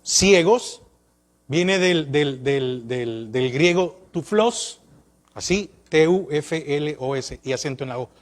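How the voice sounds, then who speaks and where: A man's voice: on the high side, slow. A male pastor preaching a sermon, asking the congregation question after question with rising and falling emphasis.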